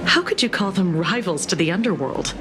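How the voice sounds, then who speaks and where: Low, composed Detective Kuchiba, played by a woman. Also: expressive, background noise, lightly acted. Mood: dry, teasing. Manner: measured, teasing, skeptical. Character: cool, teasing female police detective, shrewd and composed. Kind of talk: video game voice acting.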